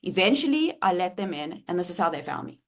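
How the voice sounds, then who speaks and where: A woman's voice: on the low side, big pitch swings, fast talker. A woman, telling a candid storytime vlog and swearing freely. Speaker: vlogger.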